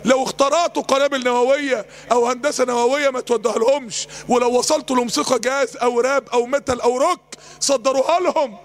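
A man's voice: very high-pitched, steady tone, quick pace. A man with an Egyptian accent preaching an impassioned sermon in a chanting cadence. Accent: Egyptian Arabic.

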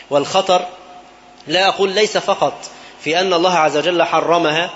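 A man's voice: fairly high pitch, fairly even intonation, moderate pace, fairly bright tone. An Egyptian man preaching a sermon, telling a story and throwing rhetorical fill-in questions at his listeners. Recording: dull lo-fi recording with faint background noise.

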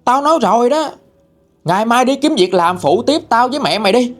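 A man doing a furious shouting father. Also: very high-pitched, animated, brisk, voice pushed up. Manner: yelling, scolding. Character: angry shouting middle-aged father.

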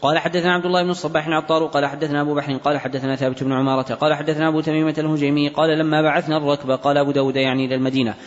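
A male student reads hadith text to his teacher at great speed and never breaks the flow of the narrator chains. His voice is slightly high. A long hall reverb surrounds him, and the sound is dull. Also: flat delivery. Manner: brisk, unbroken recitation of narrator chains. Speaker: student reader. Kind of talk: rapid reading of hadith text.

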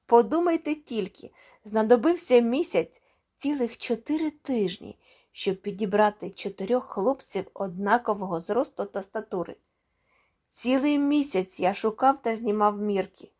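A woman voicing an eager, bossy young man who leads his friends, speaking loud, pushy and excited. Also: on the high side, normal speed, close to an everyday voice.

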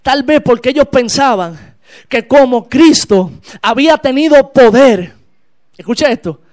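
A man preaching a sermon in church, impassioned and building to shouted exclamations. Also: very high voice, lively intonation, unhurried.

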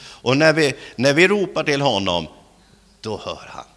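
A male pastor from Sweden delivers an earnest sermon in a bright, forceful voice. He repeats words and restarts phrases as he talks. His voice rings out with a long church reverb. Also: medium pitch, very animated.

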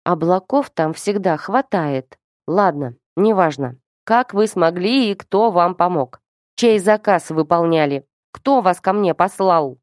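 A woman reading a story who voices a suspicious old man interrogating two youngsters in a curt, sharp manner. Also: on the low side, expressive, unhurried, no room sound, studio quality.

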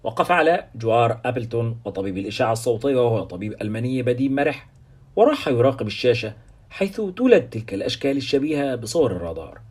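Male audiobook narrator, quick and husky, steady read. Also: medium pitch. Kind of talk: scripted novel narration.

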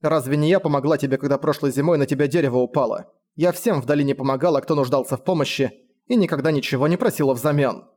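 A man's voice: a little high, quick pace, darkish tone, close to an everyday voice. A man voicing a young village woman in an audiobook, pleading and indignant with a slightly raised voice. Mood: urgent.

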